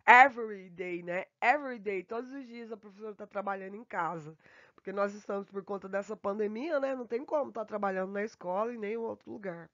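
Working from home, a woman from Brazil gives a remote English grammar lesson, drawing out her examples slowly while hurrying through the side comments. She has a medium-pitched, slightly bright voice. The audio is dry and a bit muffled, with no room sound.

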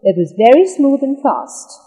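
A woman reading the lines of a scripted English lesson dialogue, slowly and with careful enunciation. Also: sits high, sing-song, dark tone, in a large hall. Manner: slow, careful, clearly enunciated delivery.

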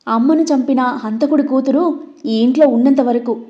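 A woman voicing a furious, grieving young man who shouts in a storybook reading. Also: high-pitched, normal speed, close to an everyday voice. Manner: shouting, louder than narration. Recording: dull lo-fi recording.

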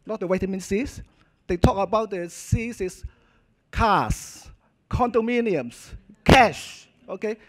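A middle-aged man with a Hong Kong Cantonese accent, speaking as a doctor, gives an informal conference talk from a podium in a hotel function hall. His high-pitched, expressive voice moves slowly and emphatically in choppy short phrases, often tagged with "okay?" and "you know," while faint music plays behind.

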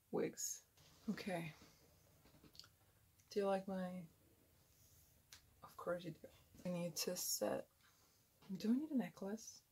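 Young woman vlogger, husky and low, self-mocking casual ramble. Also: a little mellow. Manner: rambling, self-deprecating, quick to laugh at herself. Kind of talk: casual behind-the-scenes vlog.

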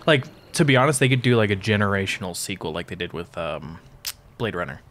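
A man's voice: low-pitched, animated, a little fast, fairly bright tone. A man co-hosting a let's play with casual, informal, sweary gaming commentary.

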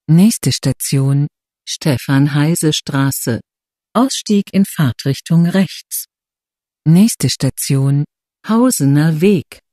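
Slow, bright subway announcement voice. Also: medium pitch, no echo, clean studio sound. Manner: formal, measured, segmented phrasing. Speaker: transit announcer. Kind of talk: subway announcement, scripted station stops and transfers.

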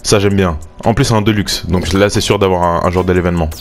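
Deep-voiced man commenting on gameplay. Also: quick pace, a little hiss or hum. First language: French. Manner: chatty, thinks aloud, excited chanting during pack openings. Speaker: gaming YouTuber.

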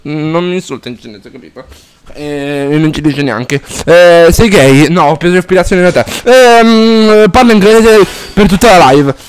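A man streaming a game live, chatting casually and swearing freely at his viewers, with loud exaggerated outbursts. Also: on the high side, unhurried. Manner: rambling and profane, chatting to viewers.

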